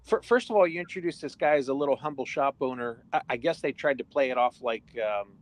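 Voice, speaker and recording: A man's voice: medium pitch, quick pace. A man hosting a podcast, giving his opinions in casual talk with frequent restarts. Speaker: podcast host.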